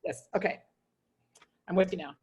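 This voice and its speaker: A woman's voice: lowish voice, fairly even intonation, moderate pace, a little mellow, breathy edge, muffled recording. A woman from Montana learning French as a beginner over a video call, hesitant and full of ums. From Montana, United States. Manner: hesitant, many ums, laughs at her own tries. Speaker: language student. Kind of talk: online one-on-one language lesson.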